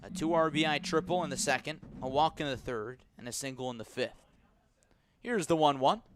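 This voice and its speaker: The background is noisy as an American man does live play-by-play of baseball for radio. He stays measured while waiting on pitches and rises with the big plays.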